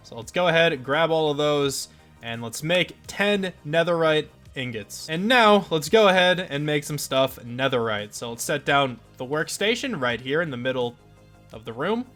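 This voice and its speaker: Young male let's-play host, a little high-pitched, congested, chatty and rambling, soft music bed behind. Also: animated, moderate pace. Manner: chatty, rambling, lots of fillers. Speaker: gaming channel host. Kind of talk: casual let's play commentary.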